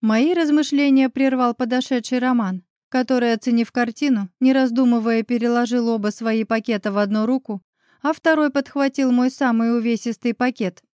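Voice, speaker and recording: A woman narrating a first-person audiobook in a calm, even storytelling manner. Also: a little high, moderate pace, dry recording. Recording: dry close studio sound.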